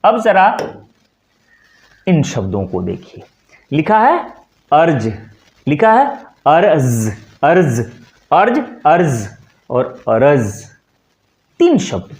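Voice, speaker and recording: A man's voice: a little high, wildly swooping pitch, slow pace, pauses often, a little mellow. A man teaching Hindi in an online lesson, drawing out and repeating words as he explains them. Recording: echoey room, dull lo-fi sound.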